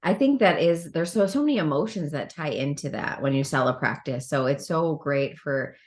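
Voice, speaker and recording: A middle-aged American woman with a low-pitched voice hosts a chatty interview. She is from the Midwest and speaks in an informal, conversational way over a video call. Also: moderate pace. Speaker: host. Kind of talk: casual interview chat. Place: indoor room at home or office.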